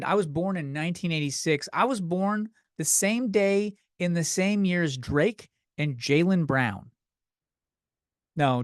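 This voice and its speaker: A fairly high-pitched man in his thirties rambles, swears and puts himself down while hosting a solo comedy podcast. It's studio quality with no room sound.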